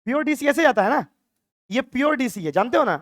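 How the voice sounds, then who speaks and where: A man's voice: very high-pitched, lively intonation, fast, fairly bright tone, no echo, clean studio sound. A man teaching physics in a playful classroom lecture, acting out dialogue lines in a mock-dramatic voice. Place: classroom with a board.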